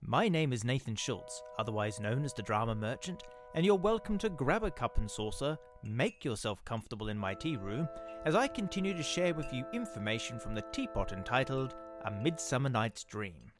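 Animated male podcast host over music. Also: medium pitch, moderate pace. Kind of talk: scripted podcast narration.

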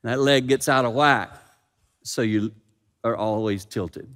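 A man preaching a sermon as pastor, swinging from loud dramatic peaks to hushed quiet. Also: mid-range voice, slow. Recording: long reverb of a hall.

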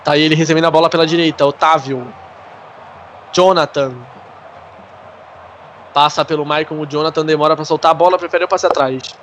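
High-voiced Brazilian male football commentator. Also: steady tone, a little fast, long pauses, fairly bright tone, a little hiss or hum. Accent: Brazilian Portuguese. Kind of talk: live football play-by-play.

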